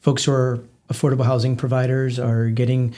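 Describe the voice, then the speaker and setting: A man's voice: medium pitch, flat delivery, brisk, mellow. A man from Hawaii, a candidate guest on a radio interview, talking steadily and upbeat with plenty of fillers.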